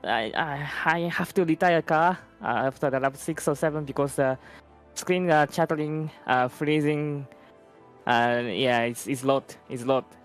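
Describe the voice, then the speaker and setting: Guy, racing driver, stops and restarts a lot, pretty smooth voice. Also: on the high side, soft background music. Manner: halting, searching for words. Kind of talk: post-race interview.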